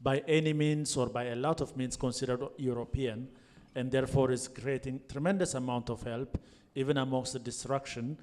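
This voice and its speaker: Mellow-voiced man moderating a panel. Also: mid-range voice, fairly even intonation. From Ethiopia. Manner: measured, long structured questions. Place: glass greenhouse event space, seated on stage. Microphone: handheld microphone.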